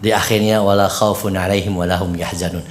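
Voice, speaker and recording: A man giving a religious lesson to a group of women, with lively jumps in pitch for emphasis and frequent questions to the audience. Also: brisk. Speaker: preacher. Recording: echoey room, faint ambient noise.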